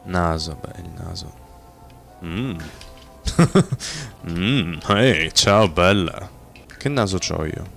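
A man's voice: sits low, lively intonation, very slow, creaky, long pauses, a bit bright, faint music behind. A man doing casual, joking let's-play commentary, rambling with restarts. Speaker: gaming youtuber.

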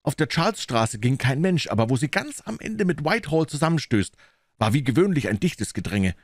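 A man reading an old detective story aloud in the first person, with expressive delivery. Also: medium pitch, brisk, dry recording, studio quality. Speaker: audiobook reader.

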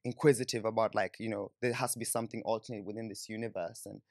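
A young adult podcast guest with a Kenyan accent talks quickly in a fairly low, creaky, slightly mellow voice with a steady tone, telling personal stories casually and leaning on "like" and "you know." He's on a sofa in a small indoor podcast studio, recorded by a close studio microphone on a boom arm. The sound is clean studio audio with no room sound.

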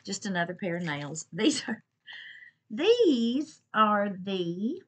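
A woman's voice: medium pitch, big pitch swings, takes it slowly. A woman chatting casually to the camera at home about a shopping haul, gushing and repeating herself as she talks. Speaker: vlogger reviewing a shopping haul. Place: at home with her pets nearby.

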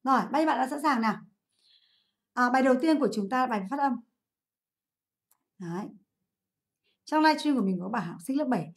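Lively woman teacher quizzing a class. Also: high voice. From Vietnam. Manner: lively, asks the class questions and answers them herself; drills English words by repeating them slowly. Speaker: English teacher. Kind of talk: livestream exam review lesson.

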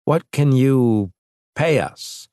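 A man voicing a bold male starship captain who talks forcefully, quickly and with sarcasm in an audiobook. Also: medium pitch, lively intonation, dry recording, clean studio sound, voice pushed up. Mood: commanding. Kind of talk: audiobook character voice.

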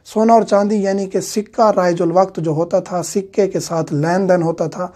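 A man teaching a religious lecture in a steady, explanatory way, with frequent filler sounds. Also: sits high.

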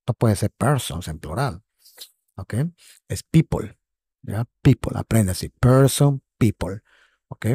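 A man teaching an online English lesson at an unhurried pace. His low voice is gravelly and husky. He patiently repeats words and keeps checking in with his students, recorded close and dry. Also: warm tone, no room sound. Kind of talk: online lesson explaining grammar.

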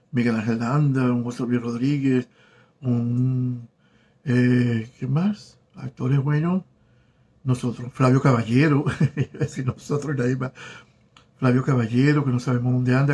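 Brief: man, 40s, husky mid-pitched voice, affectionate live-stream host reading out names. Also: flat delivery. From Venezuela. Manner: warm, flirtatious, reads viewer names aloud haltingly. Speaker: host of a live stream chat, former telenovela actor. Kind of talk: casual live-stream chat reading comments. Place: home in South Florida.

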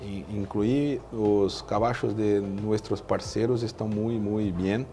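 Brazilian man speaking halting Spanish. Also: on the low side, steady tone, warm tone, slight background noise. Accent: Brazilian Portuguese. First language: Portuguese. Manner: halting, with many fillers and restarts. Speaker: veterinarian in equine nutrition. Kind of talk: interview answers. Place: indoor exhibition stand. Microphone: lapel.

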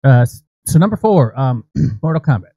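An American man in his thirties co-hosts a podcast from a small indoor studio, delivering crude, opinionated and comic movie rants full of swearing. He speaks close to the mic in a warm, medium-pitched, sing-song voice at a moderate pace, with no room sound.

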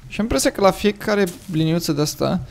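Romanian man with a gravelly morning voice. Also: high-pitched, animated. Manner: chatty, thinks aloud while playing. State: morning voice, slightly hoarse. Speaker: gaming commentator. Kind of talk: casual gameplay commentary.

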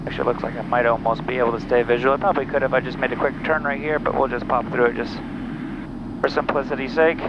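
A man in his thirties speaks through a headset in a small plane's cockpit, calmly walking through each checklist item in order. His voice sits in a middle range and sounds a little muffled. Steady engine noise runs loud under every word. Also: medium pitch, fast. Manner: methodical, running through checklists aloud. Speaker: bush pilot. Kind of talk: cockpit vlog narration and radio calls.

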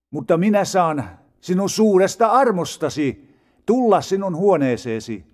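A man reading psalms aloud in a solemn, measured way with dramatic rises and falls. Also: high-pitched, a little mellow. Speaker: Bible reader. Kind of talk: scripted scripture reading.

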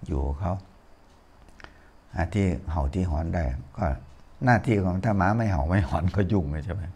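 A man's voice: low voice, lively intonation, moderate pace, darkish tone, slightly rough. An older man, a Buddhist monk, giving a casual, folksy sermon full of anecdotes and chuckles. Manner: chatty, folksy, chuckles while telling stories.

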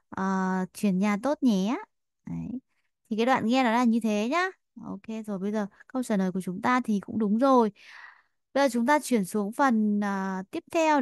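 Woman language teacher walking students through a dialogue, chatty and repetitive, clear resonant tone. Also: on the high side, dry recording, studio quality. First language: Vietnamese. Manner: chatty, many fillers, repeats Korean phrases. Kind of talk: explaining a listening exercise.

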